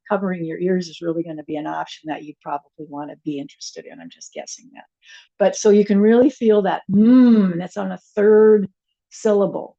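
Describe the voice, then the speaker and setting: A woman teaching a chair yoga and meditation class, giving gentle, unhurried cues with soft asides. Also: lowish voice, highs cut off. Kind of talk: guided yoga class instruction.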